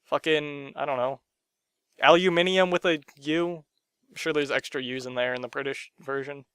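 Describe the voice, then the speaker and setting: Young male vlogger, sarcastic rant to camera, slightly high and crisp, swings loud to muttering. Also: fairly even intonation, moderate pace, dry recording, clean studio sound. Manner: swings between loud outbursts and muttered asides, sarcastic, swears often. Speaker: gaming vlogger. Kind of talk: ranting to camera. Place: his own room.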